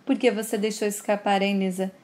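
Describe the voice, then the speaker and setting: A woman reading the lines of a young man gently probing a woman with questions. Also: mid-range voice, little pitch movement, brisk, close to an everyday voice. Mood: curious.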